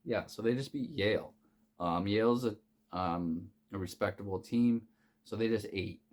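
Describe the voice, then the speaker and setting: A man's voice: lowish voice, normal speed, darkish tone. A man casually talking through his college basketball betting picks, rambling and swearing, with many fillers and restarts. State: hiccuping. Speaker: sports betting picks host. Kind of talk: casual unscripted sports betting talk.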